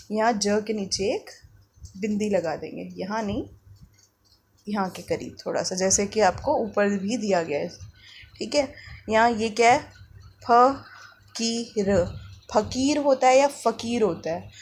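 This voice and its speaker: A woman teacher leads young children through a worksheet, slowing down to sound words out piece by piece. She keeps asking the class questions and answering them herself. Faint clicks and low noise sit under the recording. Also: darkish tone. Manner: slow, syllable-by-syllable reading of words for young pupils. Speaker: primary school teacher.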